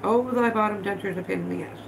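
Speaking fast in a gravelly, mid-range voice, a vlog host in her thirties chats bluntly and swears freely on a casual livestream while her hands stay busy. She's stuffed up from allergies and sitting indoors in her living room at home, with background noise in the recording.

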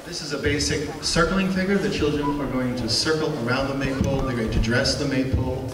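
A man's voice: medium pitch, a little fast. A man calling dance steps and explaining the dance to an audience. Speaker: maypole dance caller. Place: large indoor school gymnasium. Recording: very echoey gymnasium, distant mic, loud music and crowd.

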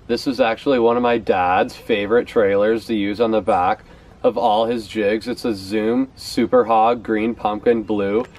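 On a house's back porch steps outdoors, a young fishing vlogger talks casually to camera about his favorite baits, repeating words now and then for emphasis. His voice sits on the low side, slightly mellow, with a flat delivery at a normal speed.

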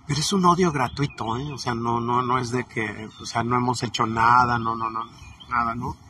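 A man's voice: medium pitch, fairly even intonation, normal speed, sharp tone, lightly acted. A man doing a rambling gossipy Mexican woman. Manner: rambling, chatty, swears, trails off mid-sentence. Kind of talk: comedic character monologue. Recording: distant mic with noisy ambience.

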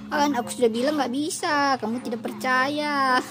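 A woman's voice: fairly even intonation, normal speed, lightly acted. A woman voicing a cautious little cartoon boy who keeps warning and nagging his twin. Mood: scolding. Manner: warns and nags, high piping. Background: game music.

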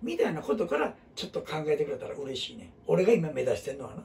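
A man's voice: a little high, huge pitch swings, quick pace, gravelly, darkish tone, far from the mic. A middle-aged man with a Kansai accent, teaching a group in a rambling, casual way full of fillers and asides. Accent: Kansai Japanese. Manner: rambling, talks in dialect with many fillers and asides. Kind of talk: casual classroom talk.

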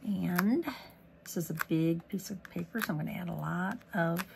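Working at an indoor craft desk, this Missouri craft demonstrator chats her way through a stamping tutorial at a moderate pace, full of ums and rambling asides. Her somewhat low voice is hoarse and gravelly, and faint hiss sits beneath it.

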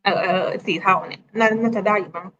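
A woman co-hosting a live-stream lesson, chiming in with quick casual remarks and answers. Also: medium pitch, a bit bright. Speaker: co-host helping answer questions. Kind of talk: casual chat. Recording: dull lo-fi sound.

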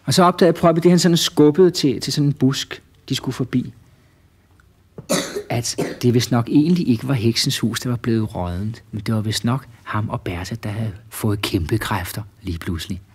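A man narrating a children's story in a relaxed, lively way with small hesitations. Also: medium pitch, slightly rough.

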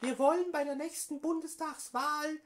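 A man's voice: very high voice, fairly even intonation, moderate pace, pitched above the performer's own voice. A man voicing a pushy, mock-official woman party envoy on a prank phone call, insistent and evasive. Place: small room at home, indoors.

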